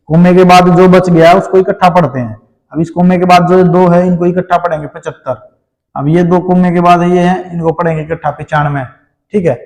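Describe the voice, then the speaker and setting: A man's voice: a little high, darkish tone. Indian man teaching math in a hall. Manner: explains step by step, often checks in with "ठीक है". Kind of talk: classroom math lesson.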